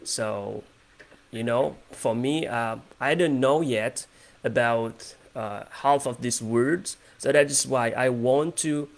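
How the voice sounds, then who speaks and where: With vocal fry and a slow pace, a medium-pitched man with an Indonesian accent hosts a relaxed English conversation practice by video call. He hesitates a lot, filling gaps and starting over.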